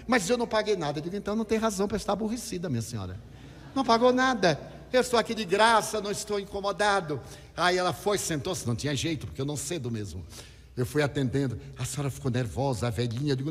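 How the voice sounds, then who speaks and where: A man gives a storytelling lecture as a spiritist speaker, acting out the voices of the people he quotes with big swings in pitch and loudness. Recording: reverberant hall.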